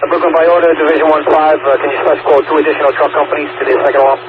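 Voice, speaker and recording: A man's voice: a little high, little pitch movement, rapid-fire. A man, a fire officer giving terse, procedural reports over two-way radio. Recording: very noisy, distant, tinny radio transmission.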